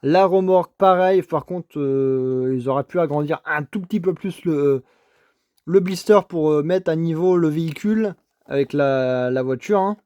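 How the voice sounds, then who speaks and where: Male vlogger, slightly high-pitched, stammering and gushing over toy cars, dry close sound. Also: moderate pace, a little mellow, clean tone, dry recording, dull audio. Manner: enthusiastic, repetitive praise, stammers and restarts. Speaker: toy car collector vlogger. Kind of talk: casual unboxing commentary. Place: home desk setup.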